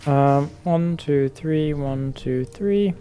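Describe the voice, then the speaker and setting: A man's voice: a little high, drawn-out words, mellow, soft background music. A man giving casual let's-play commentary, thinking aloud with many fillers and restarts. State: hiccuping. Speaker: gaming YouTuber.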